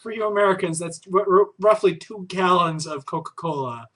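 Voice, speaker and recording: Man, Texan accent, podcast co-host, casual chat, hesitant, lots of fillers, fairly high voice. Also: a little fast, a bit bright. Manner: hesitant, filler-heavy storytelling.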